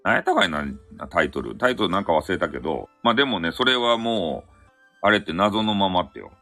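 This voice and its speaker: A man with a Hakata dialect talks on a live audio stream in a low but bright voice that swings widely in pitch. He rambles, restarts and corrects himself as he goes. Faint music plays behind him. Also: big pitch swings, brisk. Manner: rambling, self-correcting, chuckles. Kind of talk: casual solo live chat.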